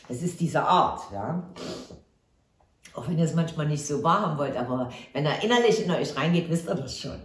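A woman's voice: low-pitched, lively intonation, normal speed, roomy sound. A woman giving a casual tarot reading to camera, chatty and reassuring, often tagging on a questioning "ja?". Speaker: tarot reader.

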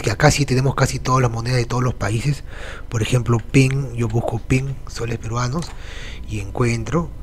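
A man's voice: medium pitch, a little mellow. Male tutorial host, loose and chatty with many fillers; faint background hiss. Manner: casual, many fillers and restarts. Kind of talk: screen-recorded tutorial.

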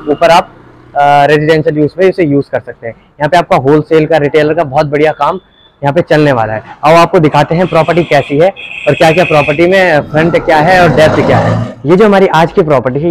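A young male host walks viewers through a property in an upbeat sales-pitch tone. His voice sits a little high for a man and sounds close and dry, with almost no room sound. He pauses briefly between phrases as he points things out. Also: darkish tone, dry recording, poor audio. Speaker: real estate channel host. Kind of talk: property walkthrough narration. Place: street and empty shop, out and indoors.

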